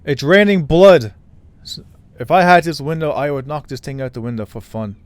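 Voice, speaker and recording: A man's voice: medium pitch, a little fast, clear, resonant tone, no echo. A man doing casual game playthrough commentary, muttering joking asides with some swearing. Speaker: gameplay commentator.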